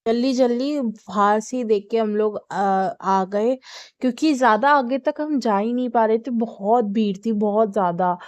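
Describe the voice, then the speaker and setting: A woman's voice: on the high side, measured pace, a little mellow, no echo. A young woman vlogging casually about a temple trip, chatty and full of fillers, sounding tired. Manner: chatty, with many fillers and English words mixed in. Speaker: travel vlogger. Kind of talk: casual vlog narration.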